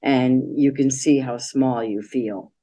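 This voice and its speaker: A woman with a notably low voice talks casually through her travel slides. She rambles a little and fills pauses with "um" and "so" as she clicks along. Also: steady tone, warm tone. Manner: chatty, meandering, with many fillers. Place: library meeting room.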